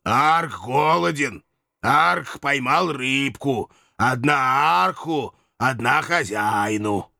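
A man's voice: mid-range voice, animated, extremely slow, vocal fry, pushed and bright, dry recording, clean studio sound, pitched above the performer's own voice, full character voice. A man voicing a hungry, simple-minded beast servant who speaks in broken phrases about himself in the third person. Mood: greedy. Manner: broken childlike speech, growls, talks of himself in third person. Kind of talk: audiobook character voice.

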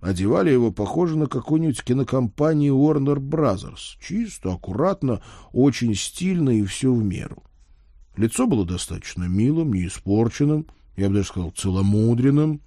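Mellow, wry male audiobook narrator. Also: medium pitch, normal speed, no room sound, studio quality. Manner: wry, lively storytelling. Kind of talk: first-person audiobook narration.

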